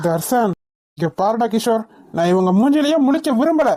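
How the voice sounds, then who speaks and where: A woman's voice: fairly high pitch, brisk, music in the background, close to an everyday voice. A woman voicing a bitter, grieving young man in a cartoon, resentful and angry. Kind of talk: cartoon voice acting.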